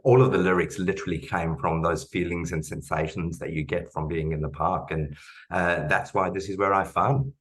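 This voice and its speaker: A man's voice: low-pitched, steady tone, moderate pace, a bit bright. A man talking enthusiastically about making a song, rambling a little. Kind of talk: casual chat.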